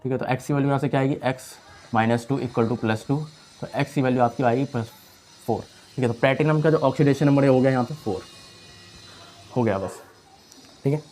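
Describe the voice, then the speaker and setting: Young male tutor, mid-pitched, chatty classroom delivery, repeats terms and quizzes himself aloud. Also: fast, pauses often, darkish tone, slight background noise. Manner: casual, repeats key terms, asks and answers own questions. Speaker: chemistry teacher. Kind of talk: online lecture.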